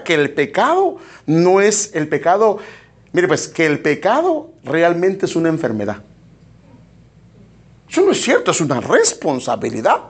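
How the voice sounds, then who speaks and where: A male pastor preaching a sermon in an animated, joking way, often calling listeners "hermano". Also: a little high, slightly rough.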